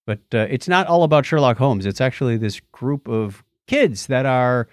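This podcast co-host has a medium-pitched, expressive voice and talks at a normal speed in a dry recording. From his studio, with music behind him, he mixes announcements with easygoing, playful chatter.

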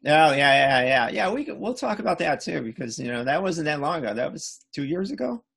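A man's voice: on the high side, big pitch swings, a little fast, creaky, a bit bright, breathy edge. A middle-aged man hosting an interview, friendly and chatty, full of agreeing "yeah"s. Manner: affable, lots of agreeing fillers. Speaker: podcast host. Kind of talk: casual interview chat.

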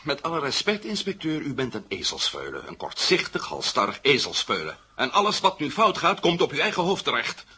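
A man's voice: on the high side, huge pitch swings, fairly quick, hardly any pauses, husky, heavily acted. A man voicing a defiant, sarcastic adventurer held for questioning. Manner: sarcastic, defiant, sharp swings in loudness. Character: defiant male adventurer under arrest, sarcastic.

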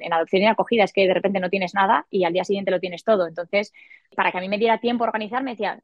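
A woman in her forties, a podcast guest, telling a personal story in a lively way and acting out the voices she quotes. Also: no echo, muffled recording. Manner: animated, acts out quoted dialogue in a higher voice. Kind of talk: casual storytelling.

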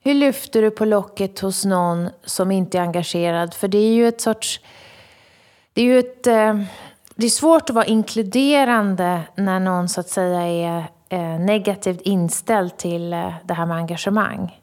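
A woman's voice: mid-range voice, darkish tone. A woman interviewing a guest, asking thoughtful questions with some hesitation.

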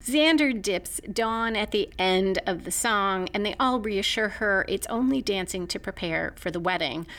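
A woman's voice: medium pitch, lively intonation, unhurried, few pauses, a bit bright. Methodical woman podcast host recapping. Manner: methodical, analytical, marks timestamps. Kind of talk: scripted episode recap and analysis.

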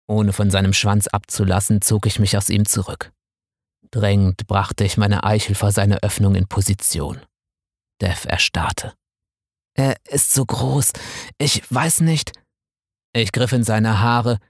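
A man calmly reading a first-person story aloud in measured scripted narration. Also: fairly low pitch, dry recording, studio quality. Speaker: audiobook narrator.

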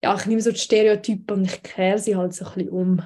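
A woman's voice: mid-range voice, flat delivery, fast, dark tone. A young woman in her twenties from Switzerland with a Swiss German accent, talking as an author in a radio interview, thoughtful and direct. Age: 20s. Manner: thoughtful and direct, with frequent fillers. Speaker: author and guest.

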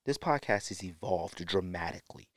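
A middle-aged podcast host delivers a casual, opinionated monologue in a low, expressive voice at a moderate pace. He speaks emphatically, repeating phrases for effect, and the recording is dry.

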